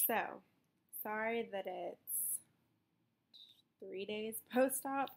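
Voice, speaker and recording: A woman's voice: mid-range voice, vocal fry. A young adult woman talking in a casual, rambling vlog style, informal and full of "like" asides. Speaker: vlogger recovering from surgery.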